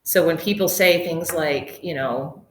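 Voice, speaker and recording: Brief: middle-aged woman, lowish voice, a chatty wellness webinar host who drifts into tangents. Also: unhurried, a little hiss or hum. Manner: chatty, digressive, laughs often. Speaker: yoga instructor and webinar host. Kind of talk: casual webinar talk. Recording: roomy echo.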